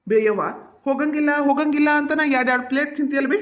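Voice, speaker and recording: A man with a North Karnataka Kannada accent plays his part in a village comedy skit. He talks fast and teases with a joking edge. The room around him rings with echo. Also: very high-pitched, fairly bright tone, dull audio. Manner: teasing, joking.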